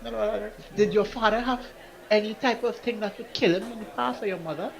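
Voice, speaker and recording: Speaking quickly in a high voice with vocal fry, this young podcast co-host chats casually, spinning stories and laughing a lot. He slips into put-on voices to quote people. The recording is rough, with chatter in the background.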